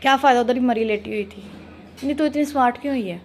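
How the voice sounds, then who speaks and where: A young woman talks into her phone camera in a family vlog, light and fairly high in pitch. She chats casually, teasing and scolding as she goes. A faint hum of ambience sits behind her. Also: fast talker. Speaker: family vlogger. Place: home and rooftop, outdoors at times.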